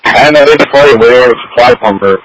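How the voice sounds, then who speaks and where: A man's voice: mid-range voice, fast talker, dull audio. A man speaking as a firefighter on scene in working fireground radio traffic. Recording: noisy, clicking fire radio.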